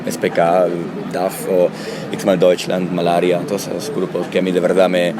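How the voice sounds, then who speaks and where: A man born in Italy, a musician answering interview questions in a halting, thoughtful way with many restarts. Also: deep voice, completely flat delivery, very noisy. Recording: loud music behind. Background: loud music.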